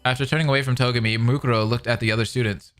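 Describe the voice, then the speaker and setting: A streamer reads aloud from a fan-dubbed visual novel and reacts to it, giving casual, slangy, enthusiastic live commentary with music playing behind him. His mid-range, fairly bright voice races along with fairly even intonation.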